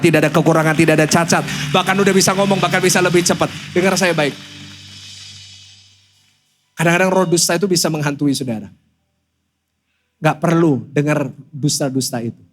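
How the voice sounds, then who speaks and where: High-voiced pastor preaching with animated storytelling. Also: male voice, a little fast, soft background music. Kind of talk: sermon. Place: church stage.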